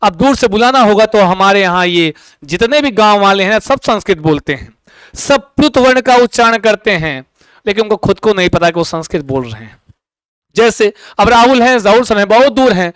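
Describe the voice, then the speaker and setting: Lively high-voiced male teacher. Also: moderate pace, clean tone, dry recording, rough recording. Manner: lively, asks students many questions. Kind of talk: exam coaching lecture.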